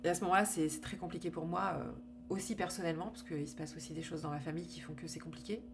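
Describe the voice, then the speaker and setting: A woman's voice: fairly low pitch, fairly even intonation, fast, background noise. A woman telling her own story in a candid, conversational way, full of fillers and restarts. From France. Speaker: storyteller sharing her cancer experience. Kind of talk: casual personal testimony.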